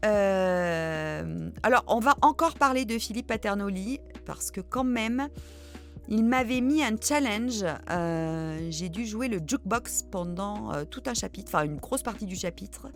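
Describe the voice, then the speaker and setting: A woman's voice: medium pitch, animated, measured pace, faint music behind. A middle-aged woman hosting a reading channel, chatting casually and poking fun at herself as she answers viewer questions, with lots of hesitant fillers. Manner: chatty, self-deprecating, many hesitant fillers.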